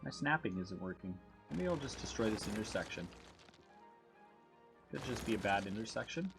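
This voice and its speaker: A man chats on a gameplay livestream through a headset mic. His voice sits low with a gravelly edge, and his pitch jumps around lively as he thinks aloud over glitches. Faint game music plays underneath. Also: normal speed. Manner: thinks aloud while troubleshooting, greets chat. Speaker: streamer. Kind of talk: casual gameplay livestream chat.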